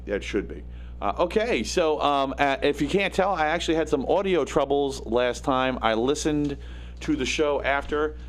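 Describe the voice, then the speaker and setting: Rambling through a casual livestream from his home studio, a host with a medium-pitched, gravelly, raspy, slightly nasal voice fills his talk with fillers and self-deprecating remarks. He uses a studio microphone, and a faint electrical hum from the electronics sits in the background.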